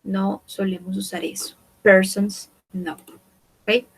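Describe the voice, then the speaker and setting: A young adult woman teaching English online, mixing Spanish explanations with English words she repeats slowly twice. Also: mid-range voice, level tone, slightly rough. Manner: slow, repeats each word twice, checks with "¿ok?" and "¿sí?"; switches between Spanish and careful English.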